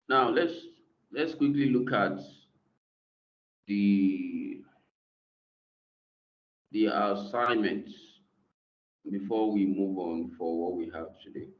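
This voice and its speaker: A man's voice: fairly low pitch, slow pace, long pauses, a little hiss or hum. A man teaching an online class, talking hesitantly with many fillers, heard through a screen-recorded video call. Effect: screen-recorded video call audio. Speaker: instructor. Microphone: computer mic on a video call. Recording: dull, echoey video-call audio.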